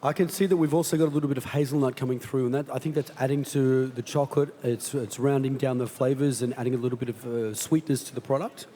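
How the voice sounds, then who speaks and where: A man's voice: mid-range voice, steady tone, fast talker, hardly any pauses, warm tone, a little hiss or hum. A man giving expert tasting comments, descriptive and often repeating words. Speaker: pastry expert guest. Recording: long hall reverb.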